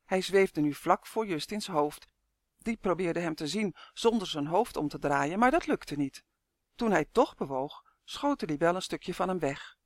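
A woman reading a children's storybook aloud with expressive, lively storytelling. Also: on the low side, unhurried, no room sound, studio quality. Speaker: narrator.

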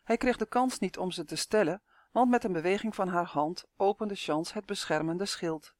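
Steady audiobook narrator, dry sound. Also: mid-range voice, moderate pace, no echo.

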